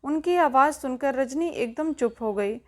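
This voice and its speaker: Female storyteller, high voice, scripted narration of a family tale, reads evenly and voices the characters herself. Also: moderate pace, a little mellow.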